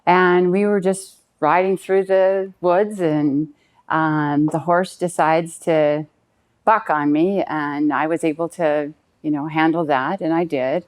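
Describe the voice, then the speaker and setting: A woman's voice: deep voice, a little mellow. A woman in her fifties telling a personal story in an earnest, detailed and slightly rambling way. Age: 50s. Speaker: client giving a testimonial.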